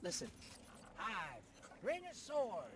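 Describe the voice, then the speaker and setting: A man's voice: high-pitched, big pitch swings, takes it slowly, noisy background, heavily acted. An actor playing a playful, joking young male adventurer in a game cutscene. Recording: game cutscene with music underneath.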